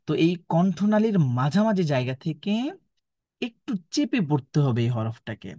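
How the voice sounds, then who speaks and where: A man, teaching Quran recitation in a recorded online lesson, patiently repeating letter sounds slowly for learners to copy. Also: on the high side, big pitch swings, warm tone, no room sound.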